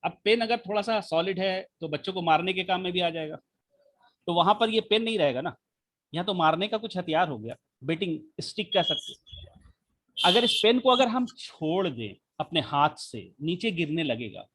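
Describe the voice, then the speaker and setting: A man teaching a physics class online, explaining slowly with many repetitions and rhetorical questions, speaking with the mic held right at his mouth. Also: high-pitched, animated, a bit bright. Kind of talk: live online class lecture.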